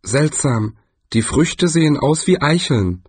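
A man's voice: fairly high pitch, expressive, slow pace, a little mellow, breathy edge, no echo, voice pushed up, heavily acted. A man voicing a naive, cheerful male tourist who keeps asking questions. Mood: eager curious.

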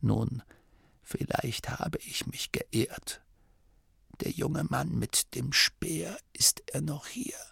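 A man's voice: fairly high pitch, drawn-out words, sharp tone, no echo, pitched above the performer's own voice, full character voice. A man whispering as a frail dying old abbot. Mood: weary. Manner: faint breathy whisper, weary and dry-witted. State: dying, barely able to speak.

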